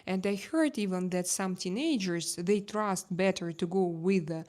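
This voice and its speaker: This live stream host, a woman from Russia whose first language is Russian, talks casually in accented, halting English and keeps pausing to find words. Her pitch is fairly low and her tone darkish.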